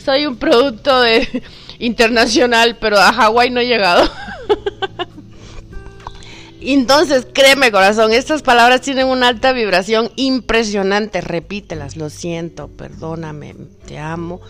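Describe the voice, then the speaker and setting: A woman from Cuba giving a spiritual motivational talk, affectionate and coaxing, often dropping to a hush and calling the listener sweetheart. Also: on the high side, unhurried, faint music behind. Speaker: spiritual guide.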